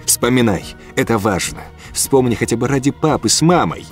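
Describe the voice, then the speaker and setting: A man's voice: fairly low pitch, animated, normal speed, faint music behind, close to an everyday voice. A man voicing a blunt, weary woman who questions a ghost, in an audiobook reading. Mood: pressing. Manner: insistent, pushy questioning.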